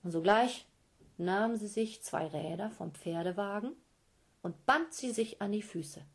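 Woman storyteller for kids: slow, lively, speaks to listeners directly. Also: mid-range voice, gravelly, husky. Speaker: storyteller for children. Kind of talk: storytelling to children.

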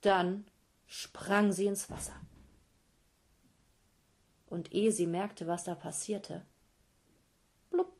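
Woman storyteller for kids: slow, lively, speaks to listeners directly. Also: medium pitch. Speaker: storyteller for children. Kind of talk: storytelling to children.

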